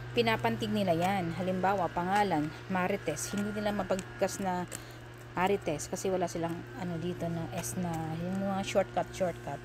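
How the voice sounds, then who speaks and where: A woman's voice: lowish voice, background noise. A woman telling a casual vlog story. She laughs at herself and repeats words to show how they are pronounced. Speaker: vlogger. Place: living in Korea.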